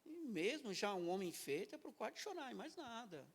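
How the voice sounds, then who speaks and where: Gravelly fifties male guest pastor, emotional testimony, vivid and expressive. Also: extremely high pitch, moderate pace. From Brazil. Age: 50s. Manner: emotional, vivid storytelling with acted-out quotes. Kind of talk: personal testimony in an interview.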